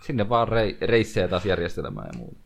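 A man's voice: lowish voice, sing-song, gravelly. A man co-hosting a casual podcast chat in an easygoing way. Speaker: podcast co-host.

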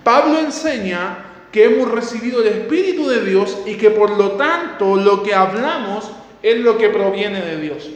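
A man's voice: sits high, animated, a little slow. A man preaching a sermon, asking his listeners questions, answering them himself and reading scripture aloud with repeated key words. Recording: echoey hall with long reverb.

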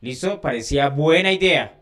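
A man co-hosting a podcast, joking in a relaxed way with some stammered restarts. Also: on the high side, moderate pace, faint music behind. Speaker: podcast co-host. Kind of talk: casual podcast banter.

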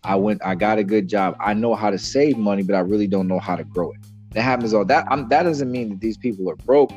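A man's voice: on the low side, fast talker, darkish tone, soft background music. Man on a muffled bluetooth headset mic. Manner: emphatic, preachy, repeats himself. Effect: muffled underwater-sounding bluetooth headset mic. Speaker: podcast co-host. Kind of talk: casual debate chat.

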